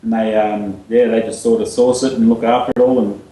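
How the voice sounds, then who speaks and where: An Australian man, a bass player, answering interview questions hesitantly with dry humour. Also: little pitch movement, brisk, dark tone, roomy sound, rough recording. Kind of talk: casual interview chat.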